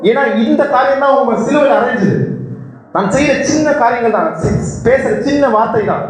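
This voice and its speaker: A man preaching an earnest sermon, repeating words and swinging between high urgent pleas and low quiet passages. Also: brisk. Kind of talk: Tamil sermon. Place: church. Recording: very echoey church hall with faint noise.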